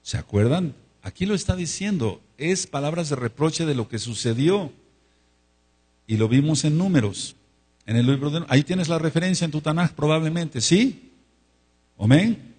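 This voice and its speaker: A man's voice: on the high side, animated, normal speed, darkish tone, slightly rough. A man preaching a sermon, drawing out words for emphasis and asking the congregation to repeat after him. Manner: calls for repetition and amens from congregation. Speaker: pastor.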